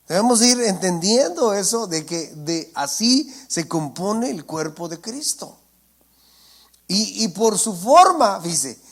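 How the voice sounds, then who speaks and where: A male preacher, giving a sermon and often asking his congregation "¿entiende?". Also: high-pitched. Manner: asks the congregation for assent, calls them brothers. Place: church.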